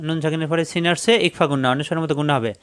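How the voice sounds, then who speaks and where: Guy teaching quran word by word, smooth clear voice, a bit high, chants each verse after spelling it. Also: steady tone, fairly bright tone. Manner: spells each syllable slowly, then chants the verse in a raised voice. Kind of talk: spelling-out recitation lesson.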